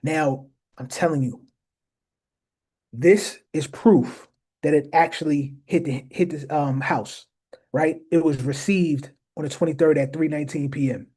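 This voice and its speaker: A man's voice: a little high, unhurried, mellow, breathy edge. A man hosting a casual explainer talk, speaking emphatically to his viewers and often repeating phrases for stress. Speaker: host.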